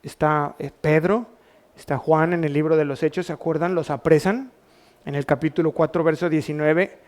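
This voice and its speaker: Pastor, Mexican Spanish accent, male, lightly raised pitch, preaching with rhetorical questions to his congregation. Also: steady tone, moderate pace, darkish tone. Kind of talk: sermon. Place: church.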